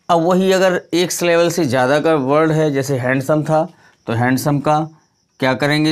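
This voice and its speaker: Man teaching grammar, questioning then answering. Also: fairly high pitch. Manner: repeats questions to the viewer and answers them. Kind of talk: explanatory classroom lesson.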